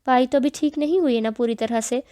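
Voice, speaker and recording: A woman's voice: sits high, dark tone, dry recording, studio quality, close to an everyday voice. A woman reading a worried younger brother. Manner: anxious.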